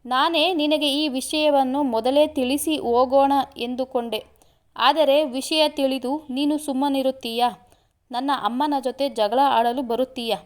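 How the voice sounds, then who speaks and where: A woman reading aloud, voicing a young man who coaxes and protests as he defends himself to his sweetheart. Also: high voice. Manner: coaxing, protesting.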